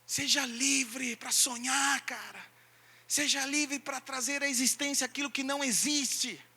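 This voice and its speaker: A man preaching a sermon as pastor, swinging between loud calls and hushed asides. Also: very high voice, steady tone, unhurried, slightly rough.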